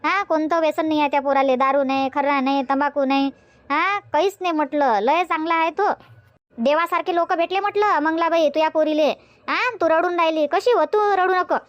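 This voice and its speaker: A woman doing a squeaky chatty village aunt. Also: a little fast, dry recording, dull audio, natural voice. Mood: soothing. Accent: Varhadi Marathi. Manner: soothing, gossipy, repeats "हा". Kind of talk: cartoon comedy voice acting.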